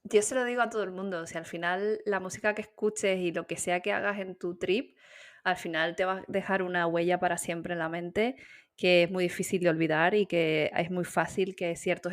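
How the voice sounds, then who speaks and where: A woman talks earnestly as a podcast co-host. Her voice sits somewhat low, and she reflects aloud, often asking for agreement. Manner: earnest, reflective, uses tag questions. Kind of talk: casual conversation.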